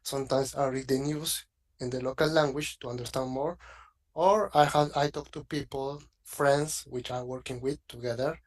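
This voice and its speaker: A man's voice: mid-range voice, fairly even intonation, moderate pace. A man whose first language is Spanish, speaking English on a conference panel in simple, listing phrases.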